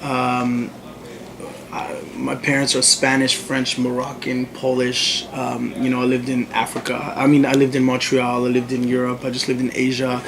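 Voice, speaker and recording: A man's voice: medium pitch, moderate pace, creaky. A young male musician from the Congo, chatting casually in an interview and telling stories with lots of fillers. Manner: animated storytelling, frequent fillers. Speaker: musician guest. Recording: noisy crowd behind. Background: crowd chatter.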